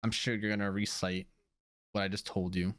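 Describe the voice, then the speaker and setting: A man's voice: lowish voice, little pitch movement, moderate pace, a bit bright, no echo. A man running a tabletop game as game master, narrating casually with lots of fillers.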